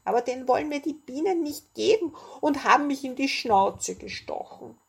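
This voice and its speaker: A woman's voice: high-pitched, expressive, normal speed, gravelly, slightly rough, voice pushed up, heavily acted. A woman voicing a shy, lonely little dragon who talks timidly in a story read aloud. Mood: sad. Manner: timid, whispery.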